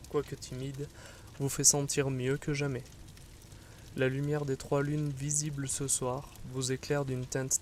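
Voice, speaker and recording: Even-toned man narrating fantasy. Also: mid-range voice, a little hiss or hum. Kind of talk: scripted second-person fantasy narration.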